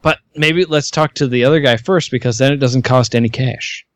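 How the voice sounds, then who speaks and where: A man's voice: mid-range voice, brisk, no echo, clean studio sound. A man playing a tabletop game, easygoing and agreeable with the group. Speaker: player.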